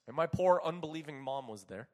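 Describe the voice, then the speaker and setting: A man preaching a testimony sermon as an animated storyteller, swinging from loud bursts to hushed passages. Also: fairly high pitch, fairly quick.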